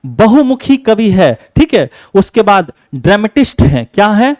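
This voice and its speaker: A man teaches an exam-focused class. His voice sits a bit high, and he poses a question, then answers it and repeats the answer. The sound is dry and close, with no room echo. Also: big pitch swings, measured pace, a little mellow.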